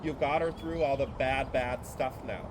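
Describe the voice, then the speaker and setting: A man's voice: medium pitch, unhurried, noisy background. A man coaching a rider as a tough-love mentor, blunt and exacting but encouraging, calling out short, repeated commands. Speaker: horse riding coach. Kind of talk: live riding instruction.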